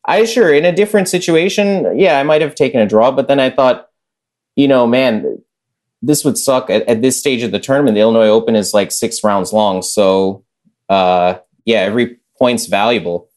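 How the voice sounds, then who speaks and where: A man's voice: mid-range voice, moderate pace, a little mellow. A young man chatting as a podcast guest, rambling with lots of filler words. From United States. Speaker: podcast guest, chess master. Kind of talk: casual conversation.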